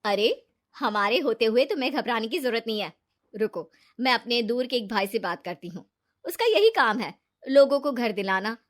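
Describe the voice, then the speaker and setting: A sly young woman schemer, as a woman narrator puts her on, coaxing her friend in a sweet but calculating way. The voice sits high. It is a storybook tale told by a single narrator. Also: big pitch swings, moderate pace. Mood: scheming. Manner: coaxing, persuasive, fake tears.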